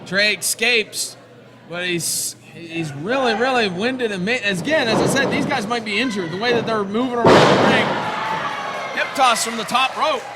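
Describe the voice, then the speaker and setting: A man working as a wrestling commentator, calling the moves live in an excitable, exclamatory way. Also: high-pitched, normal speed, a loud crowd, very noisy.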